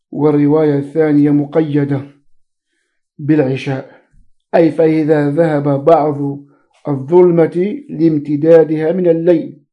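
A man teaching a religious text, reading commentary slowly and spelling out letters and variant readings. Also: on the high side, dull audio.

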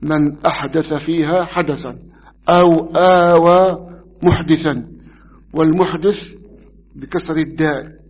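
A man giving a religious lesson, explaining a hadith in a measured, explanatory way and stressing key words. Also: fairly high pitch, steady tone, highs cut off. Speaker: hadith teacher.

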